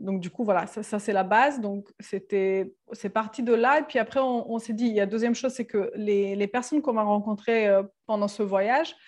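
A woman's voice: medium pitch, darkish tone. A woman in her thirties from Serbia, a native Serbian speaker talking French with an Eastern European accent, chatting as an interview guest with frequent hesitations and restarts. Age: 30s. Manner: hesitant, many fillers and restarts. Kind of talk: casual interview talk.

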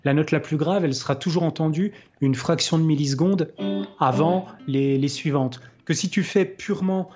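Guy explaining guitar stuff on a podcast, bit high voice, dull lo-fi sound, soft guitar behind. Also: normal speed. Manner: relaxed, thinking aloud with many hesitations. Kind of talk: casual explanatory chat with playing demos. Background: faint guitar playing.

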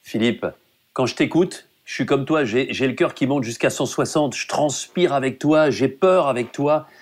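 A man's voice: mid-range voice, moderate pace. A man hosting an interview, attentive and echoing his guest. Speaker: host. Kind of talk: interview talk.

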